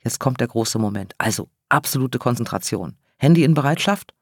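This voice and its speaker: A man's voice: mid-range voice, lively intonation, fairly quick, no echo, clean studio sound. Bossy old guy whispering orders, reader doing him, short clipped lines. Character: bossy, indignant older man in charge.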